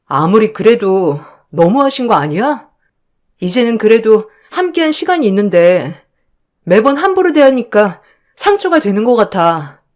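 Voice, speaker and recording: A woman's voice: medium pitch, moderate pace. A woman narrating her own story and voicing herself as a hurt, pleading wife. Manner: expressive, hurt and pleading in dialogue.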